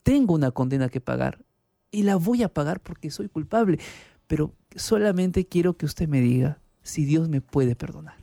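A remorseful young convict pleads for forgiveness in a contrite, slightly raised voice, as a male pastor puts him on. The tone stays mellow and warm. The sound is dry and close. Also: fairly high pitch, animated, moderate pace, gravelly, dry recording. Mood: pleading.

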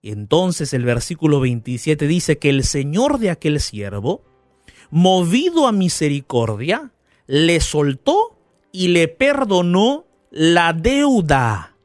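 Male pastor, animated storyteller, dry voice with faint music behind. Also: fairly high pitch, takes it slowly, no echo. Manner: animated storytelling, asks the listener questions. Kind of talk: radio sermon.

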